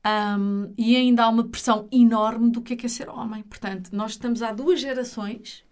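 A woman's voice: medium pitch, darkish tone. Earnest Portuguese woman explaining in an interview. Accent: European Portuguese. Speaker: interview guest, retreat leader.

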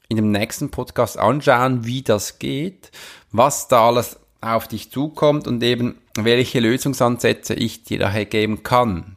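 A man's voice: medium pitch, creaky. A man coaching in a podcast monologue, earnestly addressing the listener directly and often restarting his sentences.

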